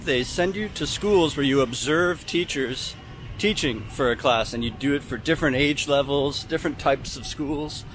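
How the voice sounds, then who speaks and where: A man in his thirties, a travel vlogger and English teacher with a mid-range voice, walks through a city park and temple grounds while talking to a handheld camera at arm's length in a casual, explanatory way. Traffic and city ambience fill the background.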